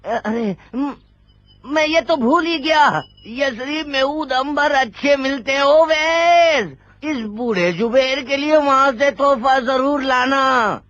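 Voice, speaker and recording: A man's voice: very high-pitched, slow pace, a bit bright, dry recording, highs cut off, heavily acted. A man voicing a frail, kindly old man who frets and rambles in a dubbed film. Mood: rambling. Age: older. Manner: fussy, rambling, fretful. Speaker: voice actor in a film dub.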